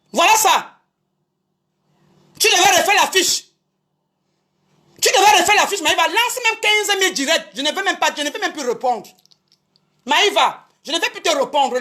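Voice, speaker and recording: A woman with a very high voice defends herself in an indignant live video. She keeps repeating her points and speaks straight to her critics. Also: sharp tone. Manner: indignant, repetitive, addresses critics directly. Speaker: show business promoter. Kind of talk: Facebook live rant.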